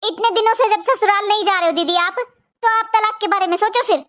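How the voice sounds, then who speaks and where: Casting: a woman as a taunting cartoon sister-in-law, very high and shrill, sharp-tongued. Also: a little fast. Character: scheming bossy young sister-in-law. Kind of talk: cartoon voice acting.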